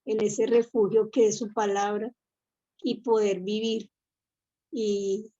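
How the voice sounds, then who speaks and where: A woman's voice: mid-range voice, level tone, takes it slowly, dark tone, highs cut off. A woman from the congregation giving a casual testimony, chatty and laughing between thoughts. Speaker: congregation member. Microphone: online meeting.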